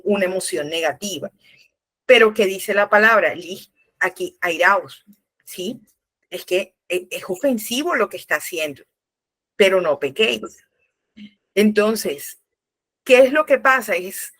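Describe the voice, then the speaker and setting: A middle-aged woman with a Colombian Caribbean coast Spanish accent teaches from scripture in a church talk. Her mid-range voice is a bit bright, and she speaks conversationally, acting out dialogue with many restarts.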